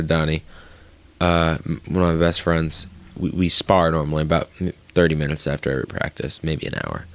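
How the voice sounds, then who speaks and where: Low-voiced young guy on a podcast, talks fast, swears a lot, really animated. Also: clean tone, no echo. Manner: fast, profane, animated storytelling. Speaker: podcast co-host. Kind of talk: casual chat.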